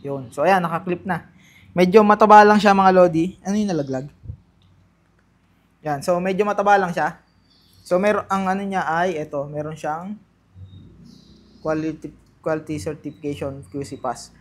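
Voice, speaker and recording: A high-pitched man with a Filipino accent narrates a product unboxing as a vlogger. His commentary is casual and unscripted, halting as he thinks aloud while handling the items.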